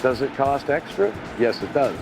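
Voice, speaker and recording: A man's voice: medium pitch, sing-song, moderate pace, gravelly, over music. A man giving a plain-spoken, matter-of-fact promotional walkthrough as a plant tour presenter. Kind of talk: explanatory promotional product walkthrough.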